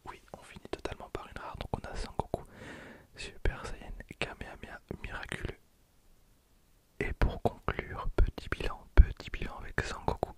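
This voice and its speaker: Here a man in his 20s hosts an ASMR video, whispering fully in a breathy, voiceless way as he describes unboxing cards. He stays hushed and often slowly repeats what he's just said. Sound comes from a handheld stereo recorder used up close.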